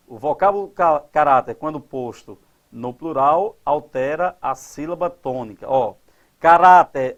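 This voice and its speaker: A man teaching grammar at a board, quizzing his class and drawing out example words slowly. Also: on the high side. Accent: Brazilian Portuguese. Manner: didactic, asks the class questions and answers them.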